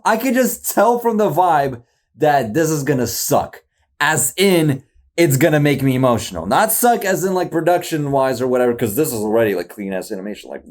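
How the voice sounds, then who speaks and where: A man in casual reaction commentary, rambling and slangy, excitable and poking fun at himself. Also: a little high. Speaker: YouTube reactor.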